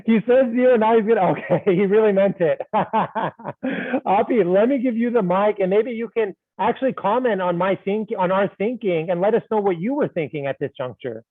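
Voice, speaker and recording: A man's voice: high-pitched, moderate pace, dry recording. A man thinking aloud through a medical case on a video call, playful and self-deprecating. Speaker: case discussant. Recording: tinny phone-like line.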